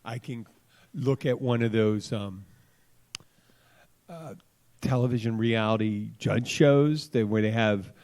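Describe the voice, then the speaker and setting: A man's voice: mid-range voice, slow pace, long pauses, a little mellow. A man hosting a podcast in casual chat, rambling through jokey, crude stories and tangents. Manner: rambling, joking, crude storytelling. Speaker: podcast host.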